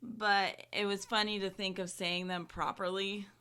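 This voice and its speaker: A woman's voice: mid-range voice, flat delivery, unhurried, pushed and bright, clear, resonant tone. A woman in her thirties co-hosting a podcast, chatting casually and leaning on "like" as she talks. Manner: chatty, many "like" fillers, laughs often. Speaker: podcast co-host. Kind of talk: casual chat.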